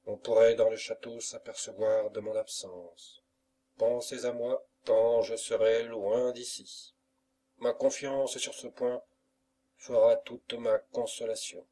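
A man's voice: mid-range voice, level tone, slow pace, dark tone, recorded from a distance, close to an everyday voice. A man voicing a tender, grieving young woman in an audiobook, read with restrained sorrow. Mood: sorrowful.

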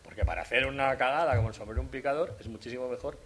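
Emphatic middle-aged dubbing actor. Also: male voice, medium pitch, very fast, a bit bright, a little hiss or hum. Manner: emphatic, opinionated, repeats key points. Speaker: voice actor on a convention panel. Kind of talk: casual panel chat.

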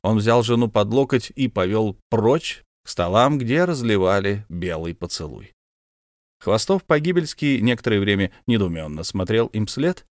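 A man narrating a literary story as an audiobook reader, in a measured storytelling delivery. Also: on the low side, sing-song, no echo, clean studio sound.

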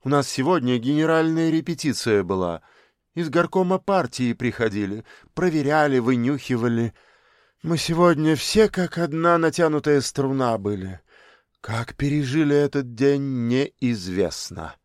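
A man's voice: medium pitch, animated, measured pace, no room sound, studio quality, lightly acted. A man reading an audiobook, voicing a stern, scornful middle-aged mother who scolds her children sarcastically. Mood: indignant.

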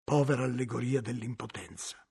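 A man narrating a novel as an audiobook, in a measured, dramatic storytelling manner with a gravelly, husky voice. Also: mid-range voice, a little mellow.

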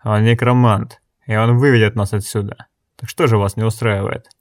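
A man voicing a bold young swordsman who loudly commands the others. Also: lowish voice, level tone, moderate pace, natural voice. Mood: commanding. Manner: loud, commanding.

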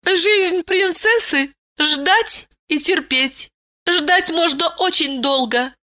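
A woman voicing an ancient princess who is stern yet tender and speaks in a high, commanding, sing-song way. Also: takes it slowly, pushed and bright, full character voice. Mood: regal, tender.

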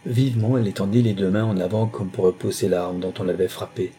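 A man narrating a novel in a steady, measured reading. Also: sits low, a little hiss or hum. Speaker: audiobook narrator.

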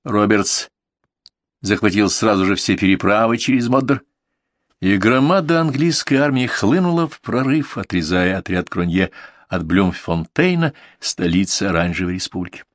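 A man narrates a historical novel for an audiobook at a measured, steady pace. His voice sits on the low side, recorded close and dry with no room sound. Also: no echo. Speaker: audiobook reader. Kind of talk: scripted narration of historical prose.

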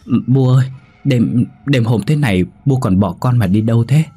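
A man's voice: on the low side, moderate pace, slightly rough. A man voicing a frightened middle-aged woman in a horror story, stammering and trembling. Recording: soft background music.

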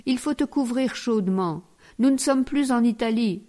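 A woman's voice: on the high side, normal speed, dark tone, close to an everyday voice. A woman reading the part of an old family nurse who fusses familiarly over her young mistress. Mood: caring. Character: old nurse, fussing and protective.

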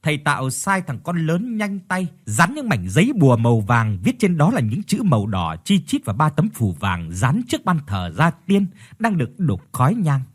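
A man narrating a ghost story in a measured, descriptive storytelling manner. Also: on the high side, wildly swooping pitch, husky.

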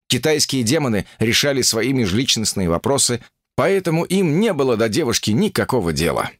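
A man reads an audiobook aloud with expressive storytelling. His pitch moves widely through each sentence. The recording is close and dry. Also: no room sound. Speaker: audiobook narrator. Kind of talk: audiobook narration.

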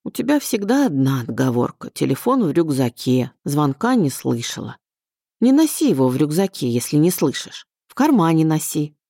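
A woman reading an audiobook, voicing a kindly elderly aunt who speaks softly and fondly. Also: deep voice, very animated, moderate pace, no echo, clean studio sound, full character voice. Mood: fussing. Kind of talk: audiobook character voice.

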